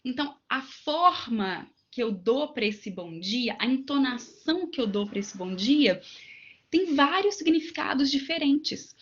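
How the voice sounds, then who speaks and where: A woman's voice: sits high, expressive, measured pace, a bit bright, highs cut off. A woman with a Minas Gerais accent giving an online lecture to teachers, explaining with everyday examples and asides. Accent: Minas Gerais Brazilian Portuguese. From Minas Gerais, Brazil.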